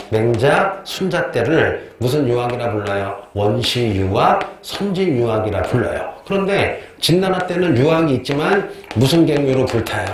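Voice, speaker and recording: Lively male teacher in an echoey classroom. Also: medium pitch. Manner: asks questions and answers them himself, repeating key terms; chatty, tells joking anecdotes. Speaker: history teacher. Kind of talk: classroom history lecture with quiz questions. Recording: very echoey classroom with faint noise.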